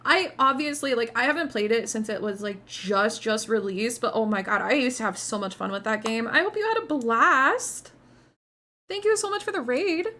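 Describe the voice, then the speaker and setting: Bubbly high-pitched woman, cute anime-streamer style. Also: normal speed. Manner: gushing, excitable, swearing freely. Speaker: VTuber livestream host. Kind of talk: casual livestream chat with viewers.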